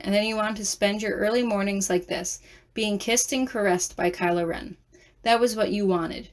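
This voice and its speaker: A woman narrating a second-person fan fiction audiobook in a soft, measured reading voice. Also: mid-range voice.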